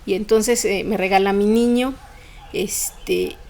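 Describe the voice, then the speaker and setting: A woman's voice: medium pitch, fairly even intonation, takes it slowly, gravelly, darkish tone, a little hiss or hum. A woman, a podcast guest telling a personal story in conversation, emotional and fluent, with frequent fillers.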